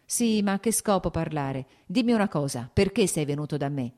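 A woman reading a timid gentle gentleman. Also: low-pitched, expressive, moderate pace. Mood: questioning. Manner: hesitant, mild questioning. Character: mild, timid gentleman, the younger brother. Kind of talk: audiobook character reading.

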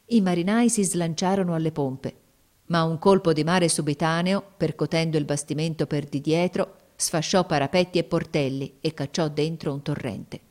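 Low-voiced woman reading a story. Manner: steady, measured reading. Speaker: narrator.

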